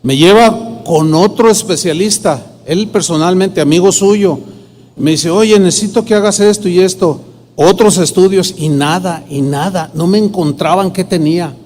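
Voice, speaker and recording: A man's voice: high-pitched, normal speed, darkish tone, slight background noise. A man, a pastor telling a personal testimony in a sermon and acting out the dialogue in quoted voices. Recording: long hall reverb.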